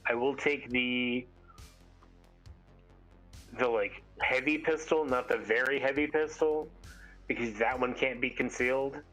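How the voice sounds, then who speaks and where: A man playing a character in a tabletop game, relaxed and joking. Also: mid-range voice, measured pace, pauses often, dull audio, faint music behind. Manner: laid-back, joking. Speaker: player.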